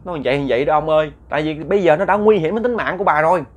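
A man's voice: fairly high pitch, rapid-fire, pitched above the performer's own voice, lightly acted. A man quoting a frightened, greedy older village woman in a lightly acted, plain voice. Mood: worried.

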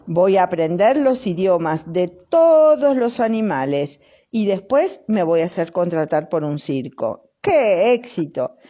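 Woman doing an eager dreamy dog. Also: on the low side. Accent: Rioplatense Spanish. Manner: excited, wondering. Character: eager naive male dog, dreamy talker.

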